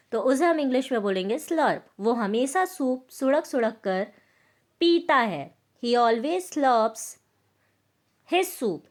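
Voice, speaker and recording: A woman teaching vocabulary, saying each sentence slowly twice for learners. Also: on the high side. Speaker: English teacher. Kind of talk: English vocabulary lesson in Hindi.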